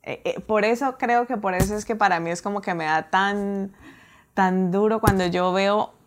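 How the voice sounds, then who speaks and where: A woman telling a personal story in a casual, animated way, acting out her own reactions. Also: medium pitch, normal speed. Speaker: guest telling her testimony.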